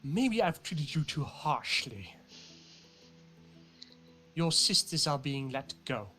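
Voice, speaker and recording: A man's voice: fairly high pitch, big pitch swings, slow pace, sharp tone, faint music behind, full character voice. A man doing a stern town mayor. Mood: uneasy. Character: stern middle-aged male town mayor.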